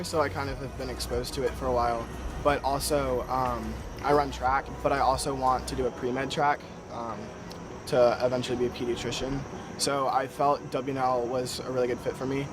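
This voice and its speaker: A young man from Virginia, a college student, speaking casually in a short testimonial with small pauses and fillers. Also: mid-range voice, steady tone, noisy background. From Virginia, USA. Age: young adult. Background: music.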